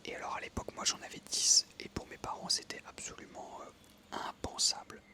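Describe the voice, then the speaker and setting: While gaming, a twenty-something man from France tells easygoing stories in a gentle, unvoiced ASMR whisper. He pauses often and leans on fillers, in the style of a whispered storytelling creator.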